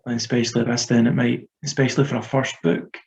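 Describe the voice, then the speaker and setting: A man's voice: medium pitch, completely flat delivery, quick pace, vocal fry, darkish tone. A Scottish man in his thirties, an author talking through his writing in a hesitant, rambling way with many fillers. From Scotland. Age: 30s. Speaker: author being interviewed. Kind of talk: casual interview chat. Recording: dull lo-fi audio.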